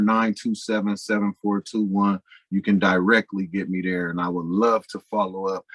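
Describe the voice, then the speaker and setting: Earnest man with a low, dry voice. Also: dry recording, poor audio. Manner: earnest, spells things out slowly. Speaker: nonprofit founder. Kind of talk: casual panel talk.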